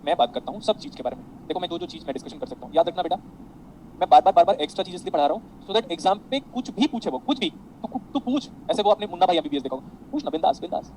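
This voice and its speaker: A man's voice: high voice, animated, racing, mellow, slight background noise, rough recording. A man teaching a physics class online, chatty and digressive, mixing Hindi with English and calling his students beta.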